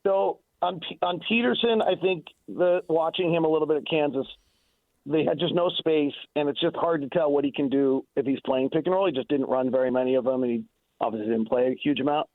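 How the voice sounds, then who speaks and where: Over a thin phone connection with no echo, an American man delivers unscripted radio sports commentary a little fast and in a fairly high register. His tone is forceful and insistent, and he circles back to the same points again and again.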